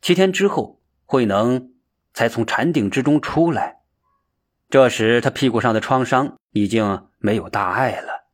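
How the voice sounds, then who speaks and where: Husky male storyteller, calm and measured. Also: mid-range voice. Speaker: narrator. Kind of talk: storytelling narration.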